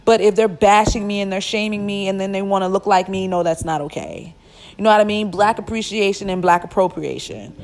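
A woman in her twenties hosts a solo podcast, ranting bluntly and emphatically with plenty of swearing. Her voice is mid-range and a little fast, in a casual style.

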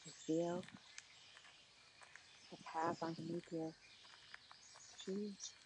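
Soothing meditation narrator, mid pitch, short slow phrases w pauses, birds and outdoor noise behind. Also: little pitch movement. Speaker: guided meditation host.

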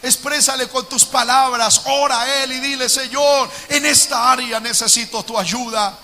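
A man leading a fervent prayer sermon as pastor, moving between hushed prayer and shouted pleading cries. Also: very high-pitched, fairly even intonation, moderate pace, a little hiss or hum. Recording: long hall reverb with music behind.

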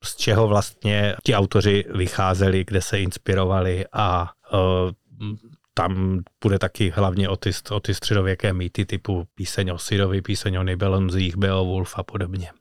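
Low, flat-voiced man hosting a podcast. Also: clear, resonant tone, dry recording, clean studio sound. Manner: even, level delivery with frequent hesitations. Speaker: podcast co-host, historian. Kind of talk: casual podcast chat.

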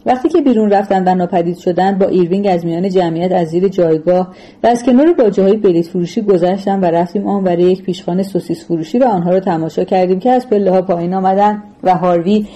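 A woman reading a novel aloud as narrator in a measured, even storytelling manner. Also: mid-range voice, poor audio. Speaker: audiobook narrator. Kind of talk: scripted literary narration.

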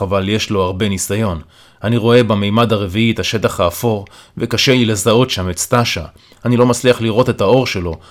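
A man narrating an audiobook in the first person with a calm, steady storytelling manner. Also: fairly low pitch. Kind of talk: first-person dramatic reading.

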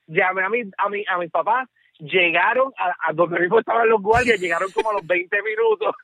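A Puerto Rican man calling into a show, telling a story in an animated way and repeating "te lo juro" and "¿ok?". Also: high voice, brisk. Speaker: caller. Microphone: phone. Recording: tinny dry phone line.

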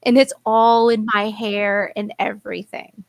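A podcast co-host tells a story in casual chat, animated and swearing freely as she acts out what people said. Her mid-range voice is gravelly and measured in pace, and the recording is dry.

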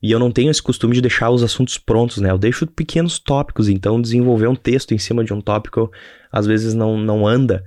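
A young man from southern Brazil, with a Rio Grande do Sul Portuguese accent, hosts a rambling, casual solo podcast, restarting often and tossing in tag questions. His medium-pitched voice moves at a quick pace and is a little mellow, recorded in clean studio sound with no room tone.

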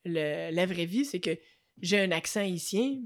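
A young woman with a Québécois accent chatting casually, often restarting and filling pauses. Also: on the low side, expressive. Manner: hesitant, many restarts and fillers. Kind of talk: casual chat.

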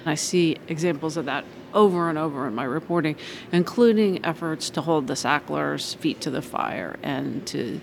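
A reporter giving measured, explanatory interview commentary. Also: medium pitch, vocal fry, slight background noise.

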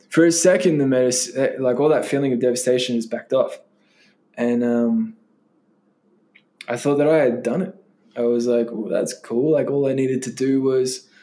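A man's voice: medium pitch, dark tone. A man as an interview guest, telling a personal story in a loose, rambling way full of "like" and "um". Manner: loose and rambling, many "like" and "um" fillers.

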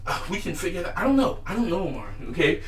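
A man's voice: high voice, very animated, fast, echoey room, recorded from a distance, slight background noise, rough recording. A man hosting a casual chat podcast, talking in a laid-back, rambling way and laughing often. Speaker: podcast host.

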